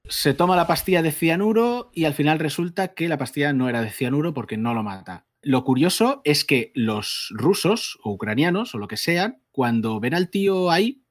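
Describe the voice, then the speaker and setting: A man's voice: a little high, lively intonation, moderate pace, few pauses. A man retelling a film plot at length in a casual podcast chat, rambling and full of restarts. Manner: recounts plot in long rambling stretches. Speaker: podcast co-host.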